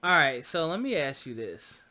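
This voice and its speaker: A man's voice: a little high, sing-song, moderate pace, sharp tone, slight background noise. A man hosting a podcast in casual chat, laid-back and slangy with a teasing streak. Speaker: podcast host.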